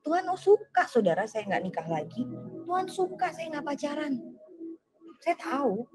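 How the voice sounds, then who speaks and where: A woman's voice: high-pitched, very animated, normal speed, darkish tone, faint music behind. A young woman gives a fervent sermon over a video call. She asks urgent rhetorical questions and slips into slangy, casual asides. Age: young adult. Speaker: speaker giving a testimony and exhortation. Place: online prayer meeting on a video call.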